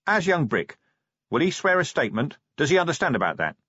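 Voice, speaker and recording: A man voicing a weary male watch commander who speaks curtly and sardonically, his voice raised and lively. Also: on the high side, husky, dry recording, pitched above the performer's own voice, full character voice. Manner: curt, sardonic, brisk. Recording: dry, slightly dull audiobook sound.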